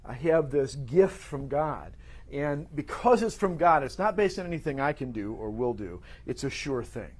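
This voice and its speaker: A man's voice: medium pitch, animated, normal speed, a little mellow, slightly rough. A man teaching a Bible study class, talking off the cuff with many restarts and fillers.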